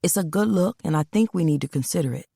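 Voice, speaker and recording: A woman's voice: deep voice, lively intonation, quick pace, vocal fry, dark tone, breathy edge, no room sound, clean studio sound, heavily acted. A woman voicing a huge, scowling man who talks coolly and persuasively, in a storybook reading. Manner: cool, level, persuasive.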